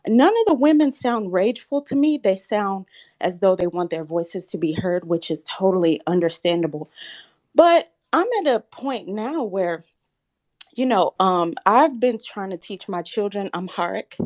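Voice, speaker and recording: A woman in her thirties from the Southern United States calls into a live audio chat room, speaking earnestly in a mid-range, animated voice that is slightly shaky and a little slow. She is soft-spoken at first but grows firm and insistent when challenged.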